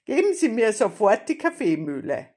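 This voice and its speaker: A woman voicing a gruff, bossy male robber in a storybook reading, barking commands and growling threats. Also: on the high side, very animated, moderate pace, dark tone, voice pushed up. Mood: gruff, threatening.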